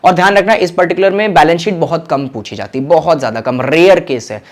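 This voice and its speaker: A young man teaching an online exam-prep lesson, coaching and reassuring his students and stretching key phrases out slowly for emphasis. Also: a little high. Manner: coaching and reassuring, calls listeners "children"; mixes English terms into Hindi, stretches key phrases slowly. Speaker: commerce teacher.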